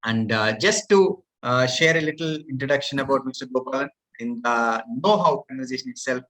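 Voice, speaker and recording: A man's voice: medium pitch, brisk, fairly bright tone, poor audio. A male host formally introducing and interviewing a coach, polite with some hesitations. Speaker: podcast host. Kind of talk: hosting an interview.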